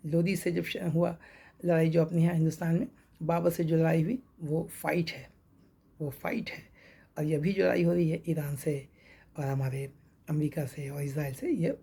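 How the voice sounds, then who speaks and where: A man teaching English pronunciation, repeating each word slowly and spelling letters out. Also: a little high, mellow. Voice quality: gravelly, husky. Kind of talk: pronunciation lesson.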